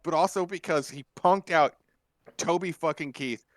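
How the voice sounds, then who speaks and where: A podcast co-host telling a story in casual chat, animated and profane, acting out the quotes in loud bursts. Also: male voice, fairly high pitch, moderate pace, no room sound.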